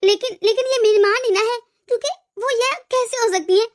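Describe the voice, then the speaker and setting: A woman's voice: very high voice, a little fast. A woman voicing a stammering, emotional young wife. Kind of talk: cartoon voice acting.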